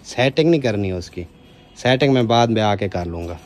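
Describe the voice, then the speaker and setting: A man's voice: on the low side, lively intonation, normal speed, darkish tone. Man vlogging while directing helpers. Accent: Pakistani. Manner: bossy, joking instructions to helpers. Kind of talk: casual vlog narration while directing helpers. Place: village house, indoors and outdoors.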